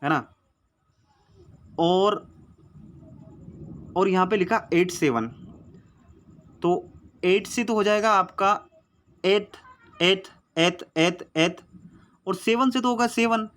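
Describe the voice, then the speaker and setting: A man with a high, slightly bright voice speaks slowly and pauses often in a chatty, coaxing Hindi lesson on exam memory tricks. Recorded on a phone, he repeats his mnemonics many times and keeps calling his viewers friend.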